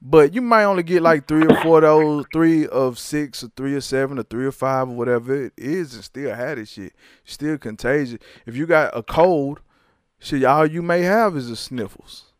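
A man's voice: fairly high pitch, normal speed, clean tone, dry recording. Joking, cursing man, dry sound. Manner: joking, heavy cursing, teasing. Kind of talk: casual chat.

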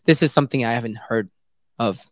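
A man's voice: mid-range voice, a little fast, no echo, studio quality. A male host interviewing an artist, chatty and enthusiastic, laughing often. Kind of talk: casual interview chat.

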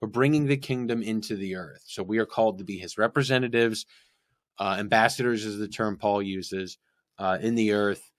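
A man's voice: on the low side, normal speed, dry recording, studio quality. A man talking through his faith in casual conversation, earnest and rambling, often restarting his sentences.

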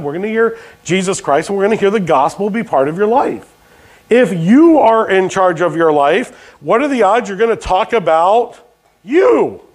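A pastor preaching a sermon, questioning his congregation and dropping jokey asides. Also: high-pitched. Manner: call-and-response questions to the congregation.

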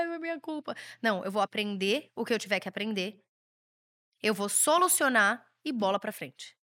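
Speaking in a fairly high, bright and forceful voice, a Brazilian woman in her thirties hosts a podcast. She has a Brazilian Portuguese accent and gives a blunt, provocative pep talk peppered with casual cursing.

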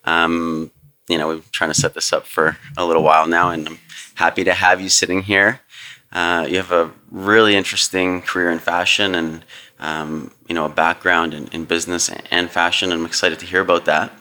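A man's voice: sits low, flat delivery, brisk, sharp tone. A man hosting a podcast, chatting casually and hesitantly with many ums and restarts. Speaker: podcast host. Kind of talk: casual interview chat.

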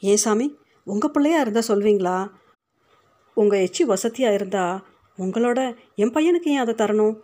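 A proud, poor working mother who lashes out in anger, as a woman reads her. Her voice stays at a middle pitch but comes in hot, defiant bursts. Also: lively intonation, normal speed, pauses often, a little mellow, close to an everyday voice. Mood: pleading. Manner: angry and defiant.

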